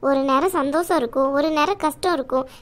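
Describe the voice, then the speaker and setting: Woman voicing a middle-aged cartoon aunt, firm, bossy, affectionate, high-pitched. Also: quick pace, natural voice. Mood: firm caring. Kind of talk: cartoon voice acting.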